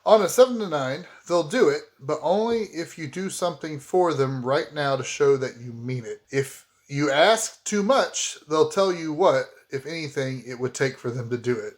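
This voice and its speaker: A man playing a tabletop horror game, talking excitably and brashly, in and out of character. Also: on the high side, moderate pace, few pauses. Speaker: player.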